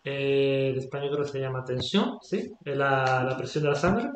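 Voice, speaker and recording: A man's voice: medium pitch, expressive, moderate pace, slight background noise. A man teaching English vocabulary, patiently repeating words and checking that the student follows. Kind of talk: explaining vocabulary in a lesson. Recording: echoey room.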